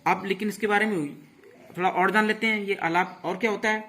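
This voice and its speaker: A man's voice: high-pitched, steady tone, bright, forceful tone. A man teaching a music lesson online, explaining rhythm and counting beats aloud with frequent "thik hai" check-ins. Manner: counts beats and recites tabla syllables slowly. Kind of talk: online lecture.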